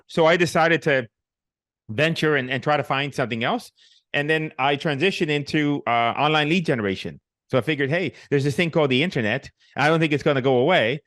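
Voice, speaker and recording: A middle-aged man with a Puerto Rican accent speaks as an interview guest, his voice sitting a little high for a man. He tells his story casually, joking along the way and stumbling through fillers and restarts. The sound is dry and close, with almost no room behind it. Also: brisk, a bit bright, dry recording. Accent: Puerto Rican Spanish. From Puerto Rico. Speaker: guest, real estate investor.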